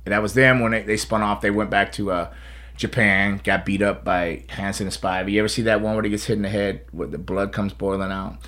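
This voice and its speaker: A man's voice: on the low side, little pitch movement, a little fast, fairly bright tone. A man hosting a casual chat in a rambling storyteller's way. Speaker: podcast host, pro wrestler.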